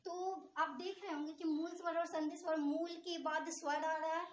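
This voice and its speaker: A woman teaches a grammar lesson in a very high voice, stopping often to quiz her students and then giving the answer herself. Her voice rings around a bare, echoey room. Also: flat delivery, moderate pace. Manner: asks the class questions and answers them herself.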